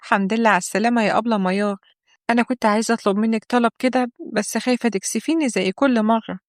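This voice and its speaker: A woman's voice: a little high, steady tone, racing, no echo, studio quality, lightly acted. Woman voicing a timid pleading Egyptian girl. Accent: Egyptian Arabic.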